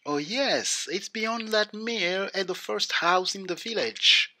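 A man's voice: sits high, slow pace, bright, forceful tone, pitched above the performer's own voice, exaggerated voice. A man voicing an innocent, polite little girl in a storybook tale, naive and wide-eyed. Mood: innocent, chatty. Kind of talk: storybook character voice.

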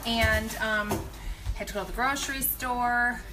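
Music plays in the background as this unhurried, slightly high-voiced woman, a pregnant nutrition coach in her thirties, rambles through meal prep advice at home. Filmed on an arm's-length phone for a casual live video, she's chatty and full of animated asides. The recording is rough.

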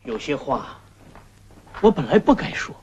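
An actor playing an evasive middle-aged man in a 1970s film drama, talking hesitantly and apologetically with a husky voice. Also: medium pitch, sing-song, unhurried, darkish tone, lo-fi sound. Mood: hesitant, apologetic. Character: evasive middle-aged man, anxious host fending off a guest.

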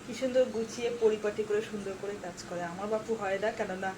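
A woman's voice: mid-range voice, fairly even intonation, fast, noisy background. A woman chatting casually to her viewers while doing chores at home. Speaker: vlogger. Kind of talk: casual daily vlog talk to viewers. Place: home, indoors.

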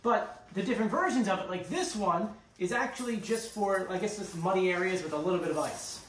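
A young man vlogs casually from his living room floor, rambling through his hiking gear with fillers and restarts. His voice sits high and moves a little fast, and the distant camera mic gives a roomy sound with faint hiss.

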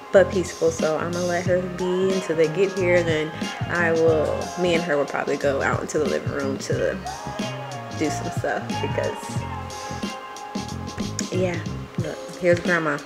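A woman's voice: fairly low pitch, lively intonation, a little slow, long pauses, loud music behind the voice. An American woman chatting casually and candidly to viewers in a family vlog. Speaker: family vlogger.

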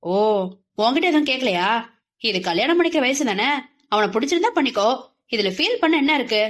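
A woman's voice: high voice, very animated, fairly quick, a bit bright, heavily acted. A woman voicing a young male college friend who teases and scolds bluntly. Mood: scolding. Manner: teasing, scolding banter.

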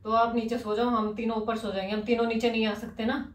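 Brief: a worried wife pleading, fairly high voice, echoey bedroom. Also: female voice, little pitch movement, quick pace. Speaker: wife in prank vlog. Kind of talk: casual household argument. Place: bedroom at home.

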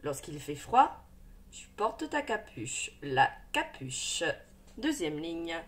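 A woman's voice: fairly low pitch, big pitch swings, takes it slowly. A woman teaching a first-grade reading lesson, sounding out each letter and syllable carefully and encouraging the child. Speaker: primary school teacher. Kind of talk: slow, deliberate reading lesson for young children.

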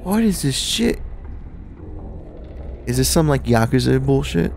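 A man's voice: medium pitch, big pitch swings, measured pace, creaky, a little mellow, slight background noise. A young man chatting casually and laughing often while playing a video game with a friend. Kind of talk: casual let's-play commentary.

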